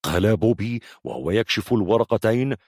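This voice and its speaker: A man narrating a thriller audiobook with a husky voice and dramatic delivery. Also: on the low side, lively intonation, brisk, a little mellow, no echo, clean studio sound. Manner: dramatic, varied storytelling delivery.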